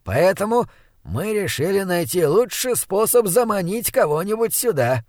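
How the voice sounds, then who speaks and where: A man reads as a smooth, patronizing old leader of a small town, coaxing and talking down to a young stranger. The voice sits a touch high and sounds close and dry, with no room around it. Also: big pitch swings, moderate pace, darkish tone, no room sound. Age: older. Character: elderly male town elder, smooth, condescending.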